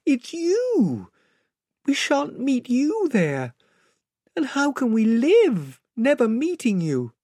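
A man voicing an earnest, emotional young girl in a storybook, pleading politely in a high, breathy voice. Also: expressive, takes it slowly, a little mellow, no echo, clean studio sound, heavily acted. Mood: pleading, upset.

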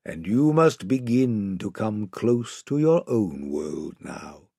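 A man voicing a great lion in a storybook, gentle, solemn and majestic, speaking slowly and gravely in a soft, breathy low voice. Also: very animated, no room sound, clean studio sound, exaggerated voice. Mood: tender, grave.

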